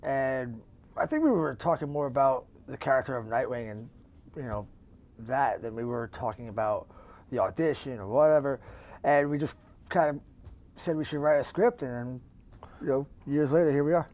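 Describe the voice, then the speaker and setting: A man's voice: medium pitch, moderate pace, darkish tone. Easygoing man, interview guest. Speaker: guest actor. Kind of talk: casual interview chat.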